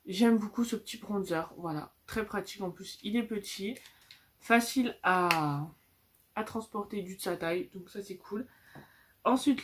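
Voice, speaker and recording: Chatty young French woman reviewing makeup. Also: mid-range voice. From France. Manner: chatty, many fillers and restarts. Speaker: beauty vlogger. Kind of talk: casual product review. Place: indoors at home with a lamp behind her. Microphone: phone camera.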